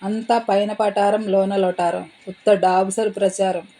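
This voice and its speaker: Wry, worldly man of forty, jovial and mocking, mellow tone voiced by a woman narrator. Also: mid-range voice, level tone, a little slow, natural voice, poor audio. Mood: scornful.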